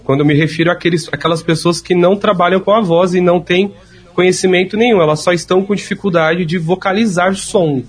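Man, speech therapist, husky and slightly high voice, patient explainer. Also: steady tone, fast talker. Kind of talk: explanatory interview answers.

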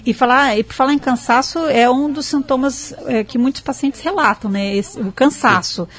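A woman's voice: high-pitched, moderate pace. A woman interviewer asking brief, inquisitive questions.

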